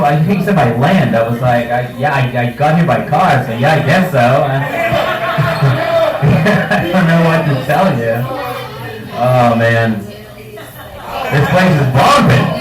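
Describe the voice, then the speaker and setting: A man working a bar crowd with loose, foul-mouthed, self-mocking stand-up. His voice sits in an ordinary middle pitch. The recording catches him from a distance in a reverberant room. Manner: casual, profane, self-mocking crowd work. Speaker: stand-up comedian. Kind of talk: live stand-up set. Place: bar comedy night. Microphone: handheld microphone. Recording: roomy bar sound from a distance.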